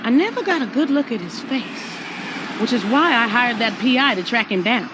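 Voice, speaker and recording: A woman's voice: a little high, animated, normal speed, background noise, natural voice. A woman playing a sassy, blunt, grudge-holding ghost of an older mother in a cartoon video game. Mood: vengeful.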